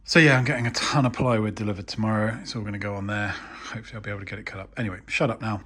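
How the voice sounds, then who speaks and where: A man's voice: fairly low pitch, fairly even intonation, rapid-fire, fairly bright tone. A man talking casually to camera as a DIY vlogger, chatty and self-deprecating.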